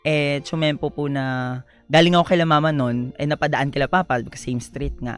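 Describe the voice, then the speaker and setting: A young man, a guest on a radio talk show, telling his life story in a soft-spoken, polite way, often slipping into English. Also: on the high side, fairly even intonation, normal speed, smooth. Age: young adult. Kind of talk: personal storytelling interview.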